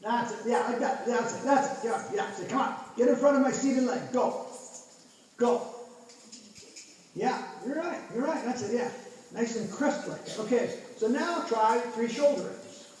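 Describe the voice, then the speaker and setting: A man's voice: very high-pitched, normal speed, darkish tone. A man coaching a horse riding lesson, calling out short encouraging instructions and counts, recorded from a distance in a large indoor arena. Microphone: distant camera at the arena edge. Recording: echoey hall from far off, faint noise.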